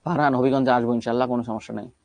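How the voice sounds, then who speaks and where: A man's voice: mid-range voice, steady tone, rapid-fire, a little mellow, dry recording. A man teaching an English grammar class online, explaining step by step and asking and answering his own questions.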